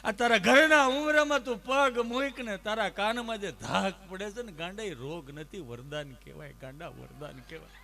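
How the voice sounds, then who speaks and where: A man's voice: high voice, moderate pace, gravelly, few pauses, sharp tone, full character voice. A man voicing a sympathetic doctor who consoles and teases a patient. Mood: consoling. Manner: consoling, teasing. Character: sympathetic doctor, himself a suffering husband.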